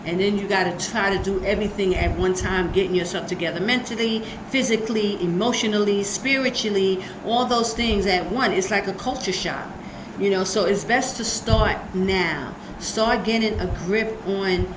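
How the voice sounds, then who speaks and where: Speaking at a moderate pace in a mid-range voice, the woman behind the channel talks earnestly and rambles, full of fillers, about what she eats and how she's preparing. The sound is roomy with noise behind her, and the tone is casual reaction commentary.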